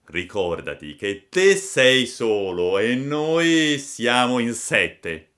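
A man's voice: medium pitch, big pitch swings, drawn-out words, a bit bright, full character voice. A man voicing a gang of bullying schoolboys in a storybook reading, taunting and threatening.

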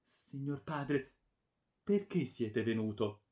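A man's voice: medium pitch, expressive, slow, mellow, pitched above the performer's own voice. A man voicing a terrified eighteen-year-old noblewoman who begs for her life in trembling, desperate tones. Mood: faint trembling.

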